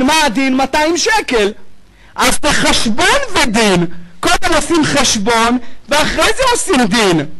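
A man, a rabbi, giving an animated Torah lesson, acting out dialogues and quizzing his listeners. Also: very high-pitched, noisy background. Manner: animated, acts out dialogues, asks the audience questions.

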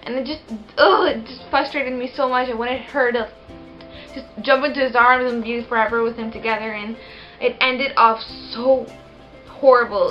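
A woman's voice: fairly high pitch, dull audio. A young woman gushing over a book in a casual vlog review, full of "like" and effusive praise.

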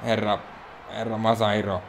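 A man from Finland giving excitable, self-mocking let's play commentary on a wrestling game, talking to the characters on screen. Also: on the low side, background noise. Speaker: gaming YouTuber.

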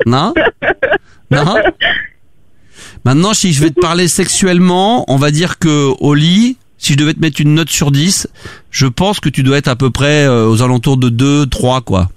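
A man's voice: on the high side, normal speed, no room sound, studio quality. A young man hosting a radio prank show, teasing and mocking the people he calls and laughing often. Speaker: radio prank-call host. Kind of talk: prank call banter.

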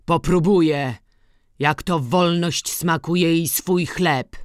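A domineering old peasant farmer bellows orders at his family, his voice raised and harsh with rustic dialect, as a woman reading an audiobook puts him on. The read is loud, forceful and dry. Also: deep voice, takes it slowly, clear, resonant tone, no room sound. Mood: bitter defiant.

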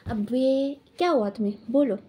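A woman's voice: high-pitched, normal speed, dark tone, breathy edge. A woman quoting an arrogant young gang boss in her own voice, dismissive and bossy.

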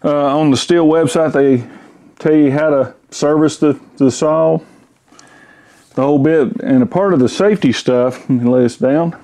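A man's voice: on the high side, normal speed, warm tone. A man, casually reviewing a chainsaw in his home garage, talking in a folksy, rambling way with fillers. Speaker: tool reviewer. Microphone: camera-mounted mic.

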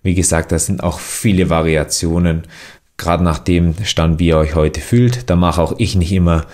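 A young man with a very low voice talks through a series of stretches and exercises. His instruction is loose and unscripted, full of fillers and restarted phrases. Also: normal speed. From Germany. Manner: relaxed, many fillers and restarts. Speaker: athlete demonstrating exercises.

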